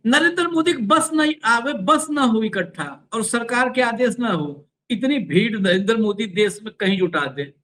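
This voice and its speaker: A man's voice: very high-pitched, animated, normal speed, hardly any pauses, sharp tone. A man hosting a political talk show, sarcastic, with mocking asides.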